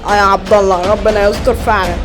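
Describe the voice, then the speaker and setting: A woman's voice: medium pitch, steady tone, very fast, pitched below the performer's own voice, close to an everyday voice. A woman doing a timid stammering schoolboy. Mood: scared. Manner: anxious, stammering. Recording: music and crowd behind.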